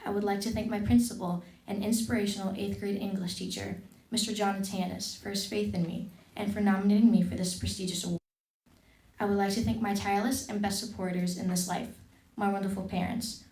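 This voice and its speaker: A teenage girl with a medium-pitched voice reads a formal thank-you speech as a scholarship recipient at an event hall. Her delivery is earnest and steady. The low-quality recording sounds roomy.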